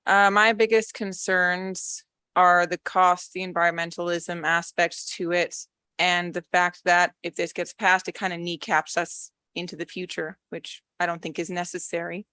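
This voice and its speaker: A woman's voice: on the low side, little pitch movement, normal speed, sharp tone, smooth, no echo. A young woman speaking at a public hearing, nervous yet blunt and frustrated. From Canada. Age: young adult. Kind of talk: public comment. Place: council chamber.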